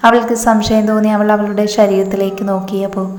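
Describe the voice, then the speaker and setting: A woman storyteller narrating a romance story with a steady, even reading. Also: mid-range voice, a little fast. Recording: echoey room with long reverb, faint music.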